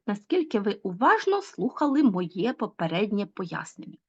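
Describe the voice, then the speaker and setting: A woman teacher giving a grammar lesson to children, explaining patiently, stressing key words slowly and asking the class questions. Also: a little high, highs cut off. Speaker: school teacher.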